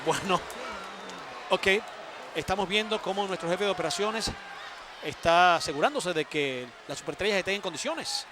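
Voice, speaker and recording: A man gives animated wrestling commentary in a high voice. He reacts emphatically as color commentator, repeating phrases for effect, amid a noisy arena crowd. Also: moderate pace, long pauses.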